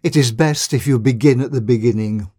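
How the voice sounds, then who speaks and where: Man voicing a chill detective in an audiobook, soft and reassuring. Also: mid-range voice, fairly quick, natural voice. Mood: calm. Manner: calm and soothing. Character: calm, composed older male detective.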